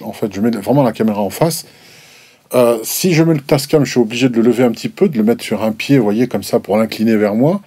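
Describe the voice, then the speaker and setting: A man's voice: mid-range voice, mellow, no room sound. A man reviewing microphones in a casual, explanatory way, hesitant and full of restarts and fillers. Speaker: gear reviewer. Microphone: desk microphones at a distance, switched between.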